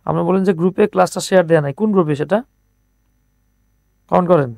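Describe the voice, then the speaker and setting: A man's voice: high voice, fast talker, gravelly, a little mellow, no echo, studio quality. A man teaching English grammar in an online class, explaining step by step and putting questions to his students. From Bangladesh. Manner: explains step by step, asks the class questions and answers them himself; reads out students' comments and replies to them.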